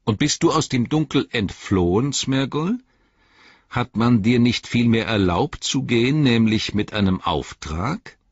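A man's voice: medium pitch, lively intonation, a little slow, slightly rough, no room sound, dull audio, pitched above the performer's own voice. A man voicing the hobbit Frodo in an audiobook, stern and probing. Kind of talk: audiobook character voice.

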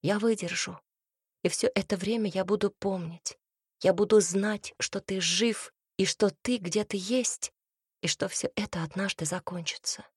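A woman's voice: mid-range voice, a little slow, darkish tone, slightly rough, no room sound, studio quality. A woman reading the part of a self-sacrificing young woman in a storybook, speaking in an earnest, pleading way. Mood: tearful.

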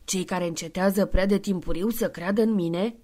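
A woman's voice: mid-range voice, mellow, lightly acted. A woman reading the lines of an indignant, old-fashioned male Santa Claus in an audiobook, brusque and proud. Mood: smug.

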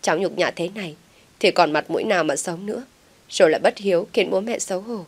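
A woman with a lowish, husky voice speaks quickly, playing a scheming young female teacher who pretends to be the victim. She pleads tearfully, sobbing as she begs.

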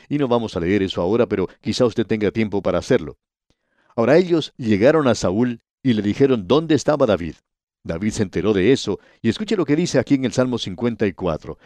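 A man giving a scripted radio Bible study, addressing the listener and reading scripture in a measured, deliberate way with slow emphasis. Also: fairly low pitch, mellow, no echo.

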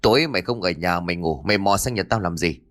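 A man voicing a gruff old male ghost-catching master in a comic story. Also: sits low, quick pace, fairly bright tone, voice pushed down.

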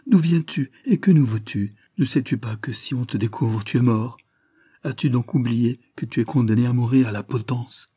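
A man's voice: medium pitch, moderate pace, warm tone, slightly rough, no room sound, clean studio sound. A man reading aloud voices a young woman who is anxious and pleading, her voice trembling. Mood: alarmed.

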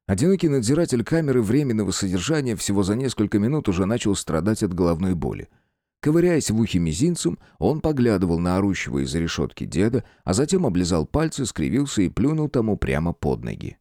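A male narrator reads a fantasy story with dramatic, lively expression. His voice sits low and dark, with wide swings in pitch. The recording is dry and close. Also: fast talker, dry recording. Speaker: audiobook narrator.

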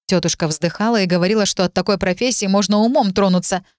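A woman reading a first-person story aloud as audiobook narrator, even and measured. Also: medium pitch, dry recording, clean studio sound.

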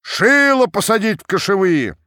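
A brawling mob of male Cossacks bellows its demands, as a male reader lifts his voice high into shouts. The pitch leaps and swings wildly. The storybook recording is dry and close. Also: sing-song, normal speed, no echo, exaggerated voice. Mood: shouting. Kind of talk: audiobook reading.

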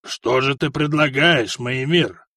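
A man reading an audiobook, voicing a calm upstart lord who sneers at a rival noble. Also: mid-range voice, slow, no room sound, studio quality, exaggerated voice. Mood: sardonic. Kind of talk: audiobook character voice.

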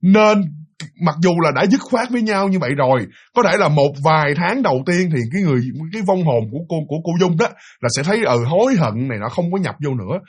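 A fast-talking man with a Southern Vietnamese accent tells a story to his listeners in a chatty, direct way. His voice is hoarse and husky from a cold, and he sits a little higher than most men. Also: animated. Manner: chatty, addresses listeners directly, many fillers. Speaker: storyteller and channel host. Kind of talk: casual spoken storytelling.

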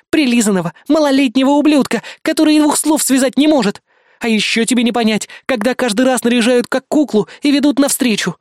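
A man voicing an upset nineteen-year-old girl, heiress of a powerful clan, in an audiobook, with loud, indignant, pleading outbursts. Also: extremely high pitch, dry recording, clean studio sound, pitched above the performer's own voice. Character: upset teenage girl heiress, stubborn, defiant. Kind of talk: audiobook character voice.

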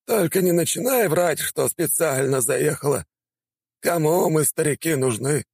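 A man's voice: fairly high pitch, animated, measured pace, a little mellow, slightly rough, dry recording, voice pushed up, heavily acted. A man doing a spry jovial old teacher. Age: older.

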